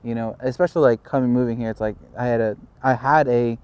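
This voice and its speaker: A man from California hosting a casual interview, talking haltingly with many fillers and restarts. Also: mid-range voice, steady tone, darkish tone, clean tone, dry recording, lo-fi sound. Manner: halting, restarts, heavy "you know" fillers. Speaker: host, interviewer.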